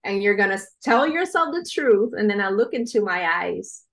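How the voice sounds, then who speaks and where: A woman's voice: medium pitch, sing-song, normal speed, fairly bright tone. A woman from the Netherlands with a Dutch accent, a singer and songwriter speaking as an interview guest, upbeat and encouraging, and she laughs easily. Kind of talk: casual interview chat.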